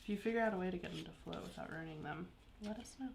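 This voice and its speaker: A woman's voice: fairly low pitch, racing, gravelly, a little hiss or hum. A woman teaching a paper craft live, explaining each step in an easygoing way with small laughs. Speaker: craft instructor. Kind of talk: live craft tutorial chat.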